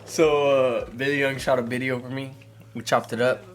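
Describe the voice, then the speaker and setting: Rambling, cursing podcast host. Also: male voice, mid-range voice, little pitch movement, moderate pace. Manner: rambling, profane, many fillers and restarts. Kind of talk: casual chat over wings. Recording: faint music behind. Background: faint music.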